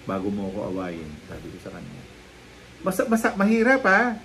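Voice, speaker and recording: A man chatting casually as a guest on a live talk show, telling lively anecdotes and acting out the people in them. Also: lowish voice, fairly quick, a little hiss or hum, poor audio. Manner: lively storytelling, acting out quoted people, frequent laughs. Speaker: guest storyteller, psychic. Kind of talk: casual chat, animated anecdotes.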